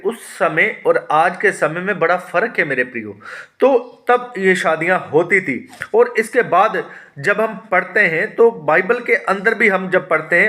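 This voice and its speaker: Man, pastor, Bible study teaching, fairly high voice, bright and forceful tone, reads verses then explains, questions and answers himself, hesitation sounds. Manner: questions and answers himself, calls listeners "my dear ones".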